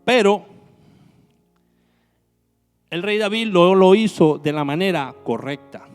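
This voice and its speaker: Man, minister preaching a sermon, high voice, long hall reverb, faint music underneath. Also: expressive, takes it slowly, clear, resonant tone. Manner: preaching with rhetorical questions to the congregation. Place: church hall.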